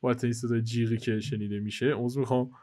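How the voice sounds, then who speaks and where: A young man with a headset mic talks over a co-op game in a joking, chatty way. He teases his teammate and gives viewers tips as he plays, his voice sitting in an ordinary middle pitch for a man. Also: little pitch movement, mellow. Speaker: gaming channel host. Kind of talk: casual co-op gameplay commentary.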